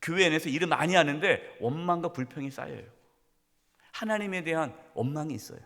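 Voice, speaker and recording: A middle-aged man, a pastor, preaching a sermon in a church. He swings between loud, emphatic questions and hushed, near-whispered lines. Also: on the high side, a little fast. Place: church sanctuary. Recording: long church hall reverb.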